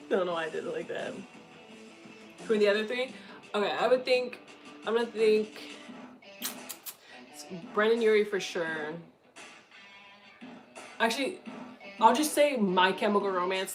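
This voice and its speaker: A woman's voice: medium pitch, moderate pace, pauses often, faint music behind, low-quality recording. Giggly, foul-mouthed young woman chatting. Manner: candid, swears a lot, giggles often. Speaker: streamer answering viewer chat. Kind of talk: casual livestream chat.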